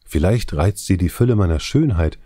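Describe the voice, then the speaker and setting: A male audiobook reader voicing a despairing young princess in anguished, lamenting declamation, his low dark voice pitched up a little. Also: expressive, moderate pace, breathy edge, no echo, clean studio sound. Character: despairing young princess, abducted king's daughter. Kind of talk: scripted audiobook reading.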